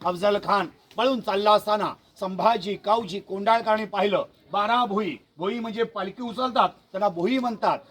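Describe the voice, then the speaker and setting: A man's voice: high voice, normal speed, hardly any pauses, fairly bright tone. A man guiding a school group around a hill fort outdoors, telling history dramatically, repeating words for effect and asking the crowd questions. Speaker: fort tour guide.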